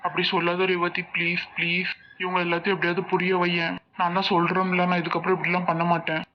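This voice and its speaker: Voiced by an actor, a cowardly cartoon thug boss begs fast in a flat, whiny voice with a Tirunelveli Tamil accent. The audio is dull and lo-fi, with clear hiss. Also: mid-range voice, lightly acted. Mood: begging. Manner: begging, whiny.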